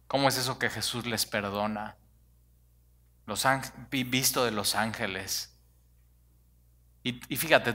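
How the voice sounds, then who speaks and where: A man preaching a sermon, animated and conversational, full of rhetorical questions. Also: mid-range voice. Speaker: pastor.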